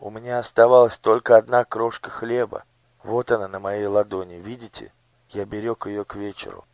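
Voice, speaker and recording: A man's voice: on the low side, flat delivery, normal speed, no room sound, highs cut off, pitched above the performer's own voice, lightly acted. A man voicing a starving young boy who pleads and protests earnestly in a storybook reading. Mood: hot protest.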